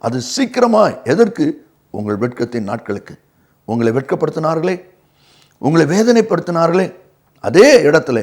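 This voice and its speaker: A man's voice: a little high, a little mellow. Emphatic Tamil preacher man. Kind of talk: televised devotional sermon.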